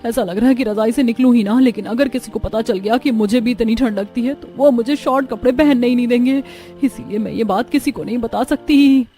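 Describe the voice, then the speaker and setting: Woman voicing a vain city-girl influencer, scornful, showy, highish mellow voice, faint music. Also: fairly quick, close to an everyday voice. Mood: fretful. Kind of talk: storybook voice acting.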